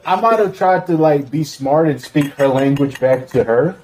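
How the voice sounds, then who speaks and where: Young guy kinda high voice, rambling story, laughing a lot. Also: normal speed, a little mellow, a little hiss or hum, poor audio. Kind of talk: casual chat.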